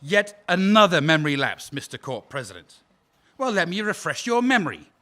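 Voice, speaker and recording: With a fairly high pitch and a sharp tone, a man plays a prosecuting officer at a war crimes trial in an audio drama. He speaks at a moderate pace and is very animated, cross-examining a witness in a cold, probing, sarcastic, and formal way.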